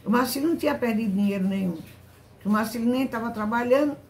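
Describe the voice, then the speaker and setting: Older lady telling her church testimony, emotional, stops and repeats a lot, a bit high-pitched. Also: darkish tone. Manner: emotional, halting, repeats herself. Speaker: church member giving testimony. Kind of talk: religious testimony to a congregation.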